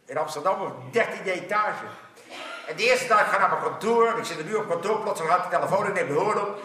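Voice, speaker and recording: A man telling a string of jokes to a live audience, acting out the characters in a lively way. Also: high-pitched, quick pace. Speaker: stand-up comedian. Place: theater stage with a live audience. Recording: echoey hall from far off.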